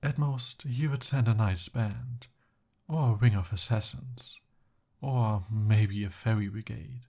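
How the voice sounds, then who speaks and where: Playing a young prince held captive by a dragon in an ASMR audio roleplay, a man speaks in formal, courtly fashion with a voice on the low side and a soft husk. He's unhurried and slightly hesitant, yet smooth-talking, eager and scheming.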